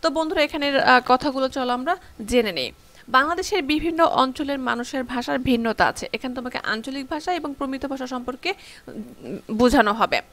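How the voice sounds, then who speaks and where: Woman, young adult, teacher, high voice, halting explanations. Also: a bit bright. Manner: explains slowly with many fillers and restarts. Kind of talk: online class lesson.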